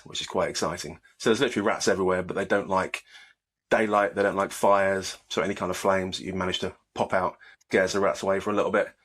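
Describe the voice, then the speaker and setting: Low husky-voiced man, co-hosting. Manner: rambling, relaxed game rundown. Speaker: podcast co-host. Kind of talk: casual chat.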